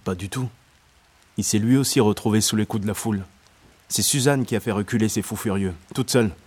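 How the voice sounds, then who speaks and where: An actor as a man correcting a storyteller in a radio drama. His voice is on the low side and natural. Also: fairly quick, darkish tone, natural voice. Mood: insistent.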